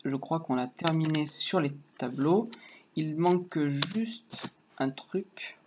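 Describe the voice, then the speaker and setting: A man's voice: a little high, slow. Male tutor, casual and rambling, drawling through a coding lesson, muffled home mic with keys clacking. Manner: rambling, joking asides, talks while typing. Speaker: HTML tutorial teacher. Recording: dull lo-fi mic with faint noise. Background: keyboard typing.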